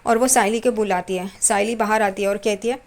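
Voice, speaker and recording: A woman's voice: medium pitch, steady tone, a little fast, vocal fry. A woman narrating a recap of a TV serial episode. She walks through each scene in order and closes every quoted line with a trailing tag. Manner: retells scenes step by step, tagging quotes with a trailing "karke".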